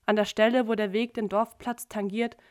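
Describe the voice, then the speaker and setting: A woman giving a literary reading of prose in a steady, measured way. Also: mid-range voice, no echo, clean studio sound. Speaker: reader.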